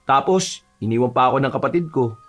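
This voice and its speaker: A man's voice: medium pitch, animated, quick pace, faint music behind. A man narrating an audio horror story and voicing its earnest lead character.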